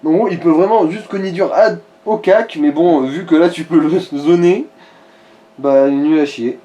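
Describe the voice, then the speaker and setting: This video game commentator talks casual gaming chat in a crude, slangy, sardonic manner. His voice sits on the high side, warm, at normal speed, but the audio is dull. Noticeable background noise is present throughout.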